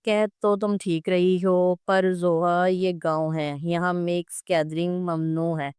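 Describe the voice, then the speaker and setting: A woman voicing a lively, chatty young woman who teases her friend. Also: fairly low pitch, slow pace, clean tone, no room sound, clean studio sound. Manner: bubbly, chatty.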